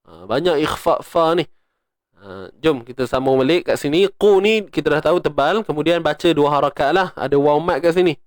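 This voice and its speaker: Smooth-voiced Malaysian man teaching recitation. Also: a little high, lively intonation, normal speed, no room sound, clean studio sound. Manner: explains step by step, chants verses in a raised voice. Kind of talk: tajwid lesson with recitation.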